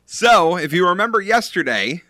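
A man's voice: high-pitched, sing-song, normal speed, bright, forceful tone, dry recording. A man co-hosting a sports radio show in casual talk.

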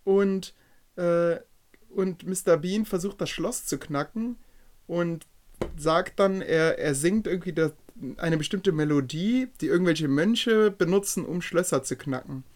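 A man in his twenties with a slightly raised pitch jokes and teases his co-host in relaxed podcast banter. He slips into quick voices for gags. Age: 20s. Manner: joking, teasing, acts out bits. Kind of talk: casual chat.

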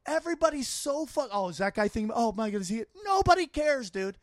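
A man talking as a comedian guest on a casual podcast, swearing a lot and speaking in excited, emphatic bursts. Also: extremely high pitch, fairly quick, dry recording, studio quality. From Armenian and Italian heritage. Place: home studio man cave.

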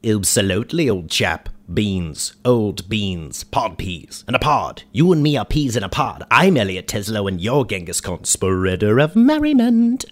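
Man voicing a merry warlord ghost, whimsical, rambling, low voice, comedy radio sketch. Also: sing-song, a little slow, hardly any pauses. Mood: jolly. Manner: whimsical, rambling, sing-song. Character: goofy ghost of a warlord, adult man, cheerful and absurd.

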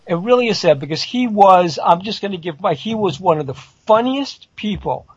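A man's voice: sits high, animated, normal speed, breathy edge, no echo. A man co-hosting a casual talk show, rambling with wry jokey asides. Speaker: co-host. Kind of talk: casual podcast chat. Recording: dry, dull lo-fi sound.

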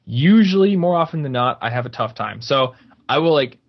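A man's voice: medium pitch, lively intonation, fairly quick. A man speaking as a podcast guest, chatty and explaining things step by step with many fillers. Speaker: guest, YouTuber. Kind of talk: casual podcast interview. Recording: dull, slightly lo-fi sound.

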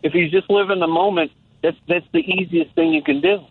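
A man's voice: on the high side, steady tone, a little fast, breathy edge, no room sound. Older man rambling over a phone line. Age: 60s. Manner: rambling and reflective, many restarts. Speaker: caller. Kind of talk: casual phone-in chat.

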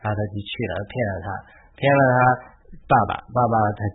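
A man's voice: fairly low pitch, fast talker, husky. A man preacher retelling a scripture story as a sermon. He speaks informally and acts out the quotes. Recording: tinny phone-like sound, faint hiss.

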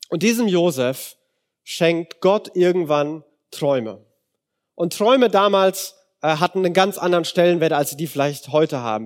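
Lively high-voiced young German preacher. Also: male voice. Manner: animated, slangy, acts out quotes in different voices. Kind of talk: casual youth sermon retelling a Bible story.

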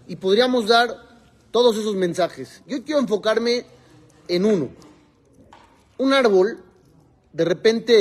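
A man leads a Torah lesson, his voice pitched fairly high and noticeably husky. He quotes Hebrew verses, then unpacks them in with a string of quick rhetorical questions he answers himself. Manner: mixes Hebrew verses into Spanish teaching. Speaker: rabbi teaching students.

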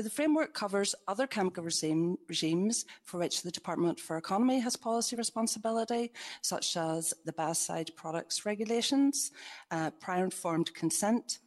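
Female government official, slightly low voice, formal and measured, presenting a prepared policy briefing with occasional hesitations.

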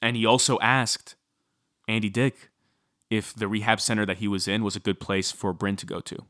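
A lowish-voiced man at a moderate pace tells a true-crime story as a podcast co-host, with clean studio sound and no echo. His telling is casual and filler-heavy, livening up whenever he quotes someone.

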